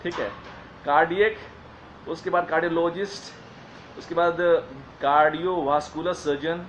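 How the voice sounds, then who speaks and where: Brief: man, fairly high voice, earnest and repetitive, faint background hum, casual advice talk. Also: fairly even intonation, a bit bright, poor audio. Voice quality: modest, apologetic about his English. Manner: earnest, repetitive, reads long list slowly. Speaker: advice speaker on careers.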